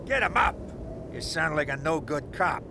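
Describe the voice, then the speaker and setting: A man's voice: fairly high pitch, expressive, normal speed, noisy background, close to an everyday voice. A man playing a cynical, crude mob thug in an adult cartoon, with a sardonic, slangy way of talking.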